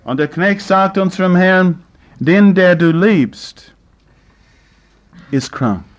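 Slow, high-voiced preacher man. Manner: rhetorical questions to the congregation, swinging between loud and hushed. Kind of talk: sermon.

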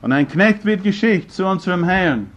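A man preaching a sermon in slightly broken German, firing rhetorical questions at the congregation and swinging between loud and hushed. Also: sits high, expressive, normal speed, muffled recording.

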